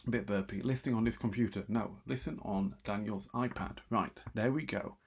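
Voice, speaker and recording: A man talking quietly and wryly at night from a room in his house, hosting a solo radio show with lots of asides and restarts. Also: lowish voice, brisk, vocal fry, slightly rough. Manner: self-deprecating, wry, full of asides and restarts; talking quietly, half-whispering at times. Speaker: radio host. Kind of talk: rambling late-night solo radio chat.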